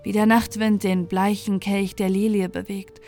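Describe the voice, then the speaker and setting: A woman storyteller calmly narrating a bedtime fairy tale in a soothing way. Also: medium pitch, normal speed, faint music behind. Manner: calm, soothing.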